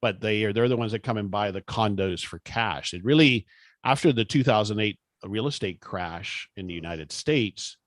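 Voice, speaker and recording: Cuban-born man, neutral accent, lowish voice, dry close sound, easygoing podcast co-host. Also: normal speed, dry recording. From Cuba. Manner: relaxed, chatty storyteller. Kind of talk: casual podcast chat.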